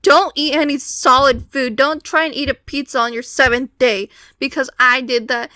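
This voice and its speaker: High, bright teenage girl telling stories. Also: fairly even intonation, normal speed, dry recording, clean studio sound. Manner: wry, exasperated complaining, acting out quotes. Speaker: vlogger telling a personal story. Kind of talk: casual storytelling.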